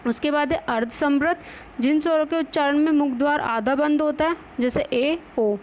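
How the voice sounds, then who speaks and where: A woman's voice: sits high, fairly quick. A woman teaching a Hindi grammar lesson, who asks questions and answers them herself and mixes in English words. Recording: dull lo-fi recording with faint noise.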